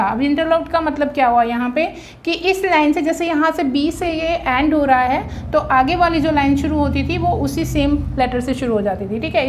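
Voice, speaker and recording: High-voiced Indian woman teaching exam prep. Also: a little hiss or hum. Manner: explanatory, drills rhyme schemes slowly letter by letter; often checks with "ठीक है".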